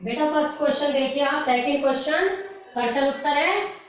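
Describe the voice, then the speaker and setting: Working slowly through a vocabulary list, a high-voiced woman teaching Sanskrit explains what the words mean, saying each one again and patiently fixing pronunciation. Her voice sounds far from the microphone in a heavily echoing room, with a muffled lo-fi quality and soft background music.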